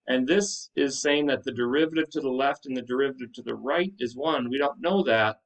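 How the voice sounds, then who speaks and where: A man's voice: mid-range voice, brisk. A man teaching like a teacher to his class, explaining step by step in an instructive way and posing questions to check understanding. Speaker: high school math teacher. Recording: distant microphone.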